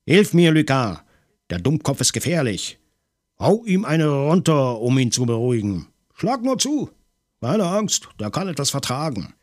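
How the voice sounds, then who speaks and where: A man voicing a gruff middle-aged police commissioner in an audiobook, rough and commanding. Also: lowish voice, expressive, a little slow, dry recording, studio quality. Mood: shouting.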